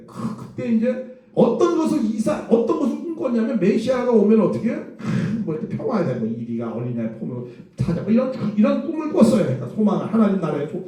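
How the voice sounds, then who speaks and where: A man, a pastor, preaching a sermon in a lively storytelling way, asking rhetorical questions and chuckling. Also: sits high. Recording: echoey room from far off.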